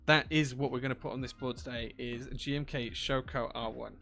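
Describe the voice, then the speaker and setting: A man's voice: medium pitch, fairly even intonation, brisk, vocal fry, fairly bright tone, faint music behind. A man hosting a live stream, chatting casually, reading out viewer chat and thanking people as he works. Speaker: livestream host building keyboards.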